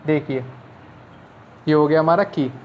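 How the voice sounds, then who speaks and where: High-voiced man teaching shorthand. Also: measured pace. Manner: patient, repeats rules step by step. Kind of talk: classroom lesson explaining at a board. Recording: slightly dull lo-fi recording with faint noise.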